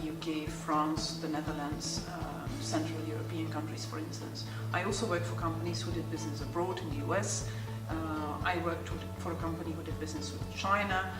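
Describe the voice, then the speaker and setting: Middle-aged Belgian lecturer, lowish voice, measured answers, roomy far-mic sound. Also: female voice. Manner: measured, explanatory, with frequent fillers. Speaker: guest lecturer and entrepreneur. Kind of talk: interview answers. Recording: echoey room from far off with music.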